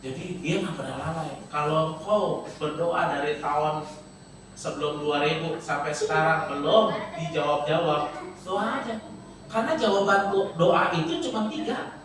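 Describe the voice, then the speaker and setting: Conversational preacher in a booming church. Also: male voice, normal speed, a little hiss or hum. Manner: lively, conversational, animated storytelling. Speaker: pastor. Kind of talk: sermon with storytelling. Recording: echoey church hall from far off.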